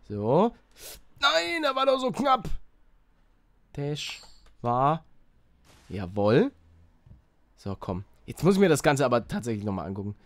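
A young man doing excitable Let's Play commentary, yelping at failures and mixing in English slang. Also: mid-range voice, no echo. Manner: excitable, shouts and yelps at failures; mixes English slang into his talk. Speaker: gaming YouTuber.

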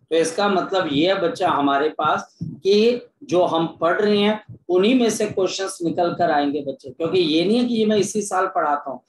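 Guy teaching physics online, keeps saying "kids", echoey room. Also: high-pitched. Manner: calls students "बच्चे", coaxing and repetitive. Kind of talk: online class lecture. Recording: echoey room with faint ambient noise.

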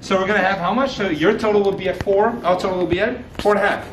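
Young male challenge host, high voice, excitable casual banter, recorded on camera with background noise. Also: very fast, echoey room. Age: young adult. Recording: noisy camera sound with clear background noise.

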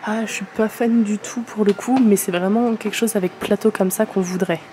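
A woman's voice: mid-range voice, fairly even intonation, brisk, mellow, slight background noise. A young woman chatting casually to camera as a lifestyle vlogger, rambling and thinking aloud to her viewers. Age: young adult. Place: home living room, car and furniture store.

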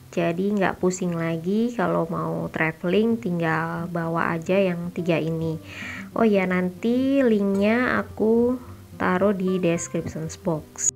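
A young adult woman narrating her travel vlog in a calm voice-over, promoting body care products. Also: lowish voice, creaky. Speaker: travel vlogger.

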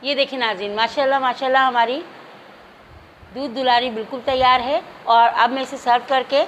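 A woman calmly talking viewers through a home recipe, step by step, as the host of a cooking channel. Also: high-pitched, moderate pace, muffled recording, slight background noise. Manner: calm, instructive, addresses viewers directly.

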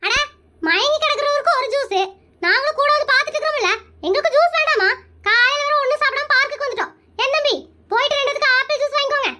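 In a comedy cartoon, a performer voices a bossy, meddling middle-aged aunt who scolds and nags everyone around her. The voice is very high, fast, pushed and bright.

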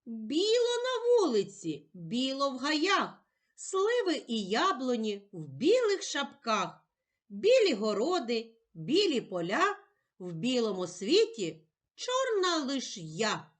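A woman putting on a high cawing crow. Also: wildly swooping pitch, slow, heavily acted. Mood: exclaiming.

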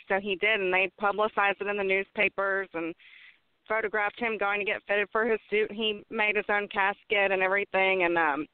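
A woman's voice: mid-range voice, clear, resonant tone, no echo. A woman with an Appalachian accent, a guest who tells stories and laughs easily in casual chat. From West Virginia, Appalachia. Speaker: guest, moonshine maker. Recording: tinny phone-like dry sound.

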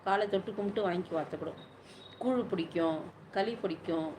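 A woman's voice: on the low side, fairly quick, background noise. A woman chatting casually on a live stream, answering viewers' questions at length.

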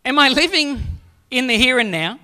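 A man's voice: very high-pitched, lively intonation, normal speed, sharp tone, clear, resonant tone. A man in his forties, a pastor preaching a sermon on a church stage into a handheld mic, joking with the audience and then pressing questions. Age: 40s.

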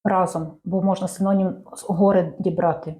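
A woman reading out language quiz questions and answers in a measured, clear teaching manner. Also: lowish voice, fairly even intonation, dark tone. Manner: measured, clear dictation-like delivery.

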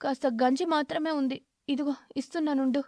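Woman doing earnest mother sparrow, higher voice, cartoon tale. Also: fairly even intonation, brisk, darkish tone, dry recording, studio quality, natural voice. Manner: earnest and pleading. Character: poor mother sparrow, worried and devoted.

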